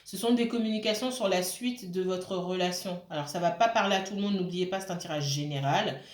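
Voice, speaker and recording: A woman's voice: on the low side, brisk. A woman giving a casual tarot reading, hesitant, with many fillers and restarts, and often checking in with her listeners. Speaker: tarot card reader. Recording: roomy echo.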